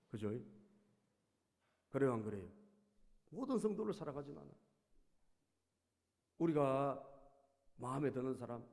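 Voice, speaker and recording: A male pastor preaching a sermon, storytelling and often prompting the congregation, dropping to soft asides and rising to loud bursts. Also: a little high, gravelly. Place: church sanctuary. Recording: long reverb of a church hall.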